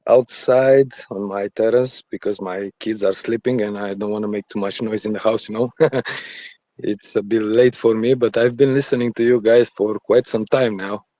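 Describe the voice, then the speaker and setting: A man's voice: fairly low pitch, steady tone, normal speed, warm tone, no echo. A man, around his forties, with an Eastern European accent, chatting casually and informally as a guest caller on his phone outdoors. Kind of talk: casual live audio chat. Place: outdoors on a terrace at night.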